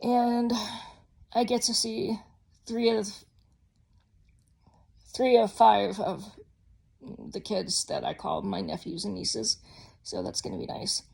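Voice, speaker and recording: A woman's voice: medium pitch, lively intonation, takes it slowly, creaky, pauses often, darkish tone, husky. A woman talking candidly in a casual personal vlog, rambling with frequent ums. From Georgia, US. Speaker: vlogger.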